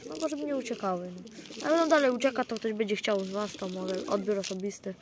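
A man's voice: sits high, fast talker. A man keeping pigeons, talking casually to his viewers outdoors by the loft in a rambling way with many fillers and restarts. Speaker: pigeon keeper. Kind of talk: casual vlog narration to viewers. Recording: outdoor noise with cooing pigeons. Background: pigeons cooing.

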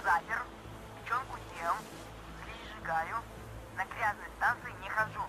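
An actor voicing a young boy, the colonel's son, who answers over a field radio in crisp, dutiful radio procedure. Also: high-pitched, measured pace. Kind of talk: video game dialogue. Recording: distant radio voice with background noise.

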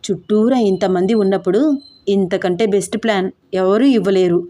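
Young husband figure, playful, bossy banter, warm mellow tone, woman reader, audio story. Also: medium pitch, fairly even intonation, fairly quick, natural voice. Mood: scheming.

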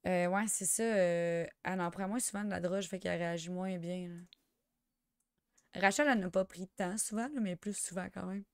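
A young woman with a Quebec French accent chatting through a life-sim game, excitable and sprinkling in English slang. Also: lowish voice, normal speed, clear, resonant tone, no room sound, studio quality. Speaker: gamer. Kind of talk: let's play commentary.

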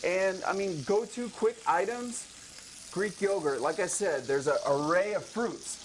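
A man in his thirties, a strength and conditioning coach, explaining workouts and nutrition as a guest on live TV, energetic and motivating, speaking on a lapel mic. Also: high-pitched, unhurried, slight background noise. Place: TV studio set and kitchen.

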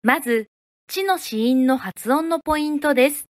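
A woman from Japan teaching pronunciation, speaking clearly and deliberately and modeling each syllable one at a time. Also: high voice, no echo, clean studio sound. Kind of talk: slow, careful teaching of pronunciation.

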